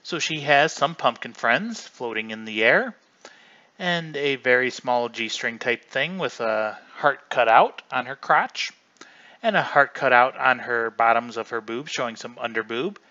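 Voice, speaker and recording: A man's voice: mid-range voice, animated, a little slow, bright, forceful tone, highs cut off. A man hosting a casual livestream, chatty and rambling, often restarting mid-sentence. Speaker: livestream host.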